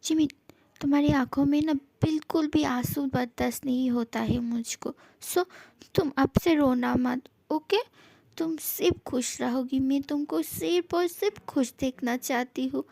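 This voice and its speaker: A woman's voice: high-pitched, a little slow, vocal fry, warm tone, no echo. A woman voicing a young husband in a fan audio drama, tender and pleading one moment, teasing and mock-threatening the next. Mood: soothing.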